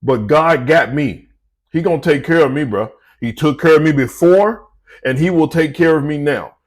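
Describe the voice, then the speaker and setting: A man's voice: on the high side, moderate pace, close to an everyday voice. A man voicing a brash, confident young warrior who talks in casual slang, cocky and sure of himself. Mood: assured.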